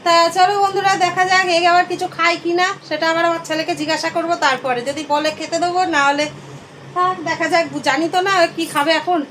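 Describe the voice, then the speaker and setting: High-voiced chatty woman vlogging at home. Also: steady tone, quick pace, a bit bright, a little hiss or hum. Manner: chatty, addresses viewers as friends, coos at pet. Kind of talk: casual home vlog narration. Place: home, indoors.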